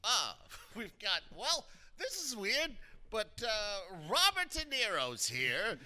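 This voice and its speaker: A man plays a jovial, scheming small-town mayor in an improv comedy. The voice is very high and sharp, with slow, halting folksy announcements that swing widely in pitch. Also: wildly swooping pitch, heavily acted. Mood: breezy announcing.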